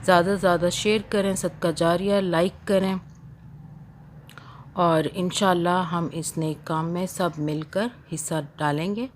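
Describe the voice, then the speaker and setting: Slow, patient woman teaching recitation. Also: fairly low pitch, fairly even intonation, a little hiss or hum. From Pakistan. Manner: patient, repeats syllables slowly to teach pronunciation. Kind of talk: slow patient spelling-out lesson.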